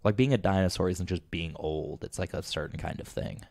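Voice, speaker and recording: A young man co-hosting a casual podcast, rambling and animated, with lots of fillers. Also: sits low, fairly quick, vocal fry, dry recording, studio quality. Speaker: podcast co-host. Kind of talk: casual chat.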